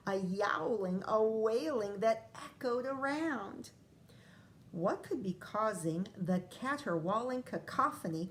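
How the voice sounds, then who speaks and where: A first-grade teacher reads a picture book aloud to young children, drawing out lines expressively and tossing in chatty asides. Her voice sits at a medium pitch, with a slight hiss or hum in the recording.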